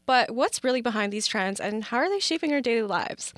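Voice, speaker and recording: A woman's voice: a little high, animated, fairly quick, a bit bright, no room sound. A young woman from Canada hosting a casual campus radio chat, upbeat and full of filler words. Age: young adult. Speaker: podcast host.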